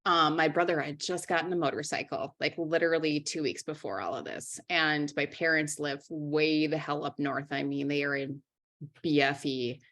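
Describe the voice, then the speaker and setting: A woman's voice: sits low, fairly even intonation, moderate pace, fairly bright tone. A young adult woman from Minnesota, an interview guest talking frankly and candidly, often restarting her sentences. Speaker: interview guest, writer and journalist.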